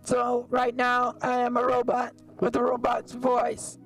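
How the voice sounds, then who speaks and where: A man talking through a robot voice changer filter, speaking as a robot in a slow, deliberate way. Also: very high voice, completely flat delivery, fairly bright tone, far from the mic, faint music behind, pitched above the performer's own voice, heavily acted. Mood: mechanical.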